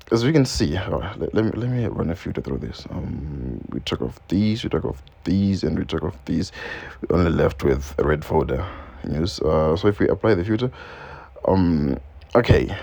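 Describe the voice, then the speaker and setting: A forex trading educator from Zimbabwe, for whom English is not a first language, talks loosely through a screen-share market analysis lesson full of ums and repeated phrases. His voice is extremely low, gravelly and dark.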